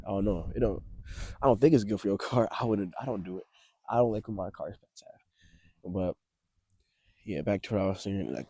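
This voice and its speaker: A man's voice: on the low side, dark tone, no echo. A young man chatting casually to camera in a hesitant, reflective way, outdoors in the cold, his voice shaky from shivering. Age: young adult. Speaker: vlogger. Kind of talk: casual, rambling advice chat to camera. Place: outdoors on a cold, windy, snowy beach.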